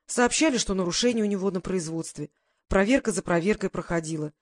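A woman's voice: mid-range voice, fast talker, dry recording, natural voice. A woman voicing an anxious, stern older mother who scolds her grown daughter in an audiobook. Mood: worried. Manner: pleading, then stern and scolding.

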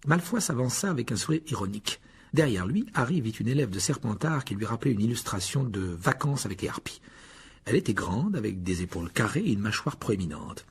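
A man reading a children's fantasy novel aloud as audiobook narration, in an expressive storytelling manner. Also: fairly low pitch, a little fast, a little hiss or hum. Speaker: audiobook reader. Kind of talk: scripted narration.

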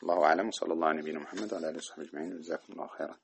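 A man's voice: very deep voice, steady tone, rapid-fire, vocal fry, slight background noise. A man teaching Islamic jurisprudence, reading a classical text aloud and then explaining it in plain talk. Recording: dull lo-fi recording.

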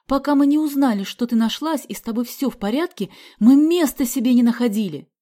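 Storybook mom, worried and reproachful, pitched high and mellow, put on by a woman reader. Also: very animated, fairly quick. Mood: upset scolding. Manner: exclaiming, reproachful. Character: anxious scolding mother, middle-aged woman.

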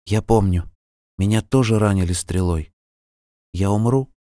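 A man voicing a wounded, frightened young woman who speaks in a hushed, pleading way, in an audiobook. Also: on the low side, a little slow, dry recording, clean studio sound, natural voice. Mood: dreamy.

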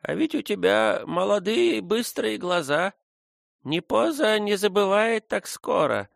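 A frail, toothless old native woman, put on by a male reader, mumbles in a high, thin voice that sways up and down. She talks slowly and tenderly, her voice gravelly at the edges. The sound is dry and close, like a storybook reading. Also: expressive, no echo, heavily acted. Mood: mumbling, surprised. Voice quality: mumbling, lisping toothless speech. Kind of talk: audiobook character voice.

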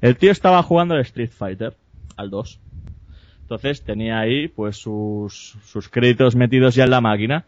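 Un hombre con acento de España que cuenta una anécdota en tono de charla informal, divagando, corrigiéndose a sí mismo y soltando tacos. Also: male voice, medium pitch, normal speed, no room sound. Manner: rambling, self-correcting, jokey and crude. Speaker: podcast host telling an anecdote. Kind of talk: casual storytelling chat. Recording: dull, dry lo-fi podcast audio.

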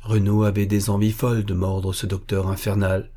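A man narrating a historical adventure novel in a steady storytelling manner. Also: lowish voice, normal speed, breathy edge. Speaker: audiobook narrator. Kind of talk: scripted narration.

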